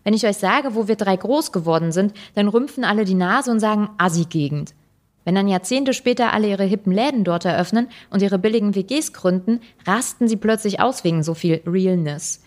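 A woman's voice: medium pitch, a little fast, lightly acted. A woman voicing a combative young female talk-show guest who speaks bluntly. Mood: indignant.

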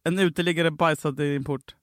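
A woman co-hosting a podcast in casual chat, teasing her partner with quick reactions. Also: sits low, steady tone, no room sound, clean studio sound. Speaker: podcast co-host.

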